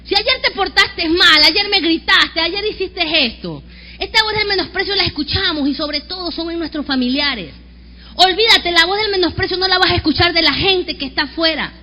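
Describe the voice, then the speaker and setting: A woman pastor preaching an animated sermon, calling on the congregation to repeat after her. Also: extremely high pitch, normal speed, long reverb tail. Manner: animated preaching with call-and-response. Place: church sanctuary.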